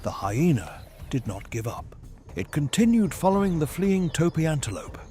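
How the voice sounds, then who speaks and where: A man reads scripted nature documentary narration in a measured, formal storytelling manner. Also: a little high, sing-song. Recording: music behind the voice. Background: background music.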